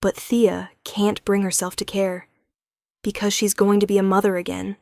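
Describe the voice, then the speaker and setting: A woman giving smooth, unhurried scripted narration of a romance story. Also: medium pitch, level tone, a little mellow, no echo, studio quality.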